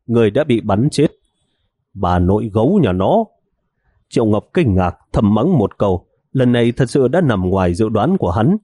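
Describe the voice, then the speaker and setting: A man narrating a novel in an even, steady storytelling manner. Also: mid-range voice, slightly rough, dry recording. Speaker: audiobook narrator.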